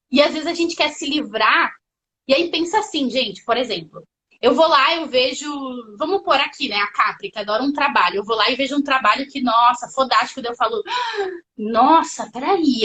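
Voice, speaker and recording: Therapist lady on a live stream, pretty high voice, chatty, keeps asking viewers stuff. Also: fairly bright tone, low-quality recording. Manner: conversational, addresses viewers directly, many fillers. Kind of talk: casual live-stream talk. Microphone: phone or laptop mic on a live stream.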